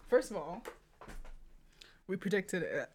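A woman's voice: slow, a little hiss or hum. A young woman hosting a podcast, chatty and giggly in casual talk. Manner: giggly, chatty, animated pitch. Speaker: podcast host. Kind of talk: casual chat.

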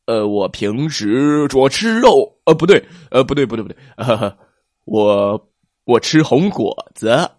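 A man's voice: mid-range voice, lively intonation, unhurried, darkish tone, no room sound, clean studio sound. A man voicing a big, lonely male T. rex who stammers and hesitates as he talks. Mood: nervous. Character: big lonely male T. rex, gruff but shy, fibs nervously.

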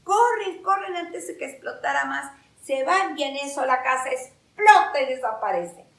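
A woman telling a fairy tale to children, lively and emphatic, repeating words for drama. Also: high-pitched, normal speed. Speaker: storyteller. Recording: echoey room, distant mic.

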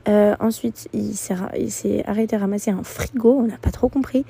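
A woman's voice: medium pitch, fairly even intonation, brisk, creaky, warm tone, slightly rough. A young woman vlogging from a hostel dorm, telling a travel story in a rambling way with many fillers and restarts. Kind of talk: casual storytelling.

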